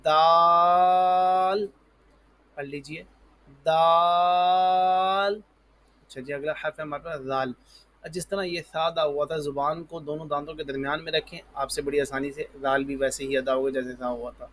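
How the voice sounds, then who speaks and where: A man teaching the alphabet for Quran reading, calling out each letter slowly and loudly, then explaining calmly and patiently. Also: on the high side, slight background noise. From Pakistan. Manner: patient, repeats "ji" and "parh lijiye". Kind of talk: alphabet lesson.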